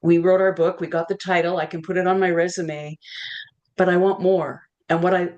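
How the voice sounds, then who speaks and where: A woman author and community leader speaking on a video call, excited and heartfelt, with hesitant fillers. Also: on the low side, normal speed, highs cut off. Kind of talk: info session talk.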